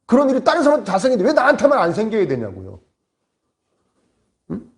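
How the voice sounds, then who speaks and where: In a church sanctuary, a pastor preaches a sermon in a fast voice that sits high. He tells stories with animation and acts out the voices of the people in them.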